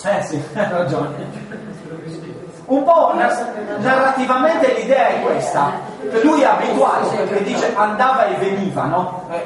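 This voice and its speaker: A man teaching a class on Genesis, animated and full of rhetorical questions, sometimes acting out voices. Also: high-pitched. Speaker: Bible teacher. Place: large room with listeners. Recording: echoey hall, distant mic.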